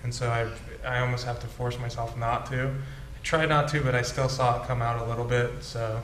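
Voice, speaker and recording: A man gives halting self-critique as an acting student. His delivery stays quite flat, and the room echoes around him with faint noise. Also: mid-range voice. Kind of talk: hesitant self-critique in class. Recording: roomy echo, faint background noise.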